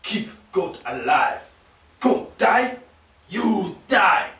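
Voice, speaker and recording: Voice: mid-range voice, very animated, very slow, fairly bright tone, reverberant, far from the mic, heavily acted. A performer playing a cruel male prison camp guard who barks orders in broken English with a heavily put-on foreign accent and mocking laughs. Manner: barking commands, mocking laughter.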